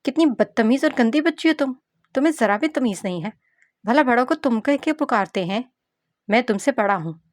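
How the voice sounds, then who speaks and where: A woman's voice: medium pitch, brisk, dry recording, clean studio sound, lightly acted. A woman voicing an exasperated twenty-year-old man, indignant and flustered.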